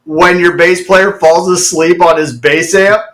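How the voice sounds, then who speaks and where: A man's voice: high voice, fairly even intonation, unhurried, a bit bright. A man in his thirties hosting a podcast, laid-back and wry, reflecting on his old band days. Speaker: podcast host. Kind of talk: casual podcast chat.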